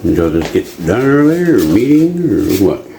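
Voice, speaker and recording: A man's voice: medium pitch, very animated, moderate pace, background noise. A man with a drawl, chatting casually as a homestead vlogger at home. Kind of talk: casual vlog chat.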